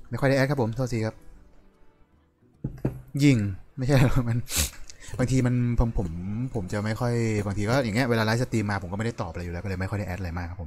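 Fast-talking young man streaming a card game. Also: on the low side, darkish tone. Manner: fast, chatty, greets viewers, apologetic. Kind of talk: casual live-stream commentary. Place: home room at night.

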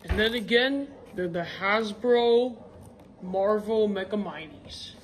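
Female voice, slowed-down playback, deepened pitch, sluggish dragging pace, faint hiss. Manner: drawn-out, sluggish delivery. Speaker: toy reviewer. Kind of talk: casual toy show-and-tell.

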